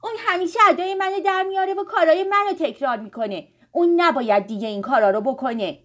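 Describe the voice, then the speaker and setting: A woman's voice: high voice, lively intonation, fairly bright tone, voice pushed up. A woman voicing a petulant, complaining schoolboy, the older brother in a children's story. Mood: angry. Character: schoolboy, grumpy older brother who turns kind.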